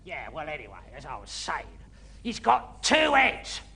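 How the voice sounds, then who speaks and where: An actress voicing a sly, wheedling old dungeon housewife who cackles and calls everyone dearie. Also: female voice, low voice, wildly swooping pitch, a little slow, sharp tone, slightly rough, exaggerated voice. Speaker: character in a TV dungeon game.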